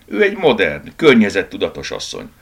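A man's voice: deep voice, wildly swooping pitch, vocal fry, breathy edge, heavily acted. A man voicing a bold, determined house cat who talks firmly, often in a whisper. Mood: brisk.

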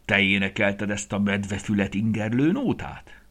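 A man voicing a big, grumpy old male bear in a children's story, speaking in a booming, gruff way. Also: fairly bright tone.

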